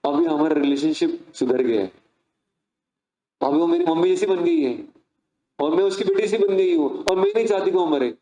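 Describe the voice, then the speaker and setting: A man voicing a fretful young woman, a daughter-in-law, talking high and pleading, in an echoey room. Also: normal speed, long pauses, mellow, a little hiss or hum, lightly acted. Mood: earnest.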